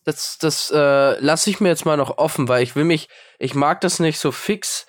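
A young man with a cold chats casually as a podcast co-host, rambling, mocking himself and hesitating a lot. His voice is fairly high and he speaks at a moderate pace.

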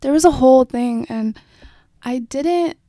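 A woman's voice: high voice, unhurried, dark tone, dry recording, clean studio sound. A young woman in her late teens hosting a casual solo podcast, rambling and reflective with frequent fillers. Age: young adult. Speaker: podcast host. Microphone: phone and microphone.

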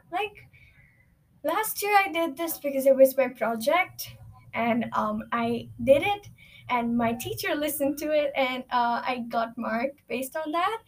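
A teenage girl talking casually into a recording, rambling and reflective with lots of fillers. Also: high-pitched. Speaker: student.

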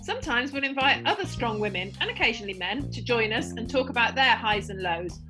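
A woman's voice: a little high, lively intonation, brisk, music in the background, poor audio. A woman with a British accent co-hosting a podcast in casual, chatty conversation. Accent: British English. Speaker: podcast co-host. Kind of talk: casual chat.

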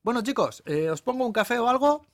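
A man voicing a loud, chatty waitress in a seaside bar with a Peninsular Spanish accent, talking fast and tagging her sentences with "eh". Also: very high voice, expressive, no echo, studio quality, pitched above the performer's own voice. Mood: delighted. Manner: loud, fast, self-deprecating, keeps saying eh.

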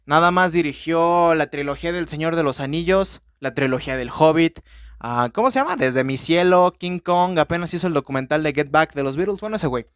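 Profane, excitable Mexican man, slightly high. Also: brisk, clean tone, no room sound, clean studio sound. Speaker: podcast host. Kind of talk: casual movie-review monologue.

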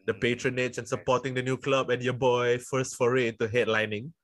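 A man's voice: mid-range voice, flat delivery, fairly quick, a bit bright, no room sound. Joking Singaporean man hosting a podcast. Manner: loose, joking, trails off and restarts. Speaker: podcast host and comedian. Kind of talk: casual podcast banter.

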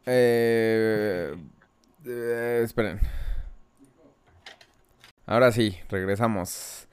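A man's voice: fairly low pitch, steady tone, very slow, a little mellow, clear, resonant tone, dry recording. A young Mexican man hosting a casual quiz among friends, teasing them and adding sing-song sound effects. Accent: Mexican Spanish. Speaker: quiz host.

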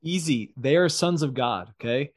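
A man co-hosting a podcast, pitching a story in a rambling, slangy, casual way. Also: normal speed, no room sound, studio quality. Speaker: podcast co-host. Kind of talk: casual brainstorming chat.

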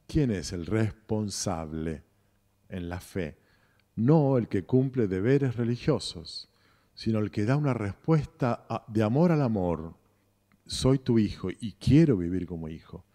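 A man, a parish priest with a Rioplatense Argentine accent, gives a slow, reflective homily with repeated phrases and pauses. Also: lowish voice, animated, mellow. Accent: Rioplatense Spanish. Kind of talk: sermon. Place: cathedral. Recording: long church reverb.

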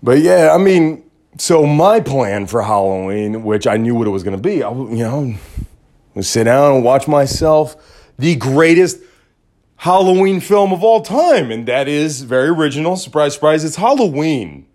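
Dude doing a solo podcast, goofy rambling jokes, pitch all over the place. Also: male voice, animated, moderate pace, a little mellow. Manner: rambling and joking, with big pitch swings. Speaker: podcast host. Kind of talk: casual comedic podcast monologue.

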